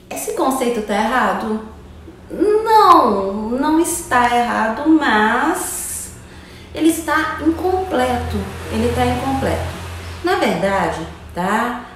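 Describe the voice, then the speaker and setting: Woman teacher, fairly high voice, chatty video-lesson delivery, echoey room with the mic a little far off. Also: very animated, slow, slight background noise. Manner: chatty, asks "tá?" after almost every phrase. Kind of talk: online grammar lesson.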